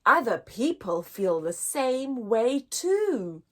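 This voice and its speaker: A woman whose voice is on the high side hosts story time for children, reading a picture book. Her delivery is teacher-like, expressive and unhurried for young listeners.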